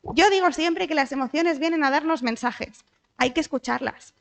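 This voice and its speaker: A woman's voice: high-pitched, moderate pace, gravelly. A woman from Spain, a psychologist, giving a conversational talk in a church, often asking the audience questions. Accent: Spanish from Spain. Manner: lively, asks the audience questions, frequent tag questions. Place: church hall.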